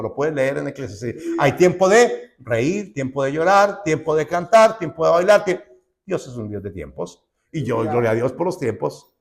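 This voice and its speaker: Man, middle-aged, pastor, emphatic sermon, loud declarations, quiet asides. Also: mid-range voice, creaky. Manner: calls the congregation brother.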